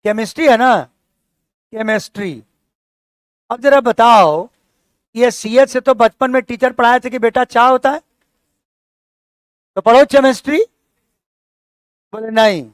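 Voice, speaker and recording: High-voiced man teaching a class. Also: unhurried, pauses often, clear, resonant tone, no echo. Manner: explanatory, asks students questions. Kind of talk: classroom lecture.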